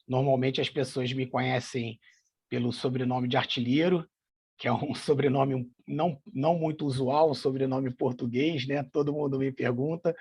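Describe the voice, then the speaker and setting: A middle-aged man from São Paulo, Brazil, who nonetheless has a Carioca (Rio de Janeiro) accent, answers interview questions as a guest and association president. He's hesitant and uses lots of fillers. His medium-pitched voice is gravelly, husky, and darkish.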